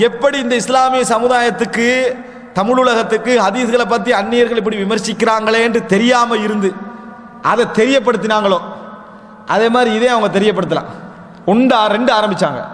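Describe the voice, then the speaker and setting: A man's voice: sits high, fairly bright tone. A man gives an Islamic lecture. He addresses his listeners as brothers and poses rhetorical questions, then answers them himself. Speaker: Islamic preacher. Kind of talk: religious lecture. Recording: long hall reverb.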